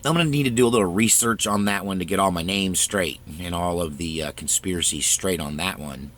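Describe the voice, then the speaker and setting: A man's voice: low voice, brisk, fairly bright tone. A man hosting his own channel, talking through a casual, rambling monologue with frequent restarts. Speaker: channel host.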